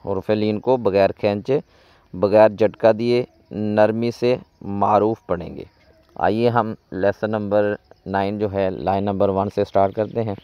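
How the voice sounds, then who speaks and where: A man teaching Quran reading and tajweed rules. He spells out letters in slow, deliberate drills and repeats each rule in a question-and-answer form. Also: on the low side, fairly even intonation, clear, resonant tone, no room sound, highs cut off. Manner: recites in a raised, drawn-out chanting tone.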